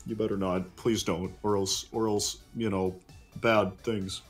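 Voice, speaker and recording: A man's voice: lowish voice, flat delivery, measured pace, faint music behind, lightly acted. A man voicing an earnest cartoon chameleon ninja who stammers defensively and gets flustered in improvised banter. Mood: embarrassed, defensive.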